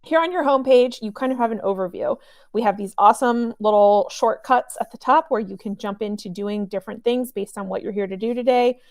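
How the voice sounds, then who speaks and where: A woman's voice: a little high, a little fast, a little mellow, dry recording, studio quality. Chatty upbeat woman hosting a webinar. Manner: chatty, upbeat, friendly with filler ums. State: has a cough drop in her mouth. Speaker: webinar host and trainer. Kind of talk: live software demo webinar.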